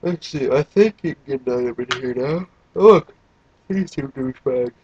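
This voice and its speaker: A man's voice: mid-range voice, brisk, warm tone, muffled recording, a little hiss or hum. A young man casually commentating a video game, tired and yawning, with a crude, joking, rambling manner. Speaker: let's play gamer.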